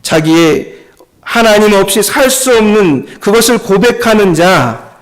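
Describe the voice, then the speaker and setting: A male pastor with a high voice for a man, preaching a Sunday sermon. He speaks earnestly and weaves simple stories into his message. He keeps turning to the congregation as he speaks. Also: creaky. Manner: earnest, storytelling, addresses the congregation often.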